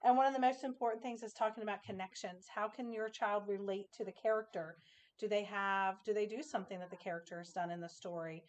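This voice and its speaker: A woman's voice: mid-range voice, fairly even intonation, quick pace. A woman teacher giving an informal instructional presentation to parents, explaining with example questions.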